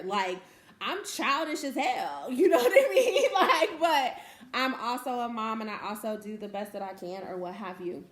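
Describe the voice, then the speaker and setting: Heartfelt mother talking, echoey room. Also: mid-range voice. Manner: tearful, laughing, heartfelt. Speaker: host, mother. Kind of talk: emotional casual talk. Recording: echoey room, faint noise.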